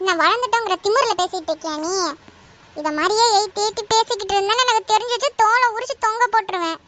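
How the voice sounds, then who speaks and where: A woman's voice: very high voice, quick pace, a bit bright, a little hiss or hum. A woman voicing a harried, scolding Tamil mother in a cartoon, speaking with a Tamil accent. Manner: scolding, blunt insults.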